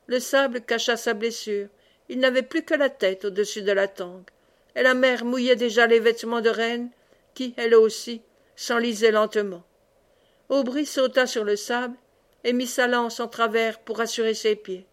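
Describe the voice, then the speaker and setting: A woman reading a classic novel aloud as an audiobook, expressive in the dialogue. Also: fairly high pitch, normal speed. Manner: expressive, raises voice for cries. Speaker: audiobook reader.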